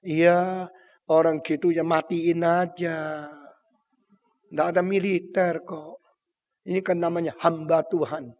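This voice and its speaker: A man's voice: a little high, flat delivery, slow, pauses often, a little mellow. A man voicing a scornful, scheming queen in a sermon. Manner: scornful, goading. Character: vengeful scheming queen, a grown woman.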